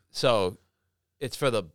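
A man co-hosting a trade podcast, chatting casually and teasing his co-host in quick back-and-forth banter. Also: mid-range voice, animated, creaky, no room sound, studio quality.

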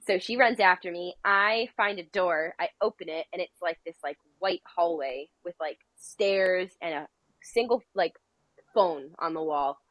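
A woman's voice: on the low side, unhurried, a bit bright, no echo, rough recording. Brief: young woman, casual chatty storyteller, lots of fillers, dry close sound. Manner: rambling, filler-heavy, laughs between phrases.

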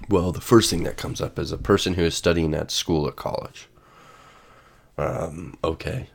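A male podcast host with a stuffy cold sits at home with coffee, musing aloud in a solo monologue and reading out definitions with lots of fillers. His deep voice is creaky and husky, with fairly even intonation at a normal speed.

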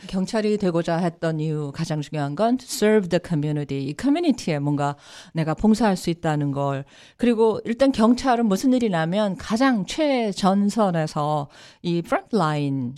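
A woman's voice: on the low side, a little mellow. A woman hosting a bilingual studio radio interview, repeating and translating what her guests say.

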